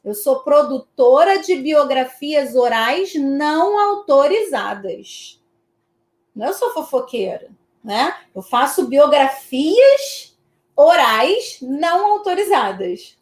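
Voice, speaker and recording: A woman from Brazil leads an online exam-prep lesson with a high voice. She keeps it chatty, checking in with her students after nearly every point. The room around her is echoey. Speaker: teacher.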